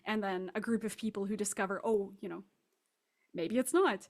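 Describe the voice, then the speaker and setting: Being interviewed as a fiction author, a woman talks casually, rambling and poking fun at herself. Her medium-pitched voice has a darkish tone and a normal speed.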